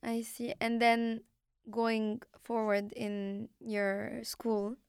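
A woman's voice: on the high side, completely flat delivery, drawn-out words, clean tone, dry recording, studio quality. A woman from Morocco, a native Arabic speaker, hosting and asking long, reflective questions. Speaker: podcast host. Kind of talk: interview.

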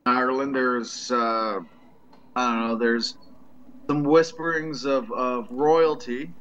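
A man's voice: medium pitch, steady tone, slow, a bit bright, muffled recording. A Canadian man chatting casually on a podcast, hesitant and full of ums and restarts, but blunt and profane.

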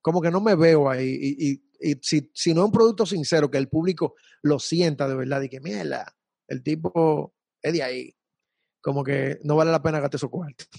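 A man's voice: a little high, quick pace, few pauses, a little mellow, no echo. A young man, a salsa singer talking casually and animatedly in an interview, full of slang and repeats. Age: young adult.

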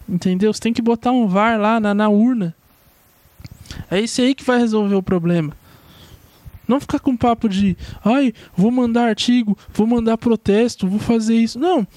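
High-voiced young Brazilian man ranting. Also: a little mellow, no room sound. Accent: Brazilian Portuguese. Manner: rambling, slangy, swears often. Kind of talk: casual opinion monologue.

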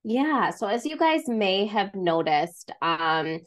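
A woman's voice: medium pitch, sing-song, slow. A woman co-hosting a podcast, chatting in a friendly, loose way with lots of fillers. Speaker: podcast co-host and trauma therapist. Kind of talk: casual podcast conversation. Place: remote recording, far from co-host.

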